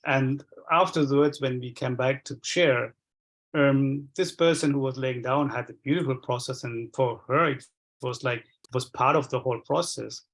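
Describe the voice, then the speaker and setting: Heard on a low-quality recording, this man's voice is mid-range and a bit bright. He is from Sri Lanka, Tamil is his first language, and he recounts his experience with energy work in a halting, reflective way, full of restarts.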